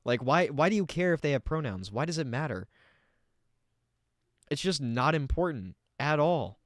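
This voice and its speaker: A man's voice: fairly high pitch, lively intonation, normal speed, no echo, clean studio sound. A man hosting a casual reaction commentary, talking in a rambling, filler-heavy way and swearing bluntly. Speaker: reaction video host.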